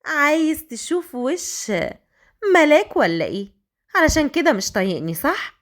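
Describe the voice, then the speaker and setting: A woman's voice: high voice, very animated, voice pushed up. A woman with an Egyptian accent voicing a spiteful young female secretary, sneering and drawn out. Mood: mocking. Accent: Egyptian Arabic. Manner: sneering and slow.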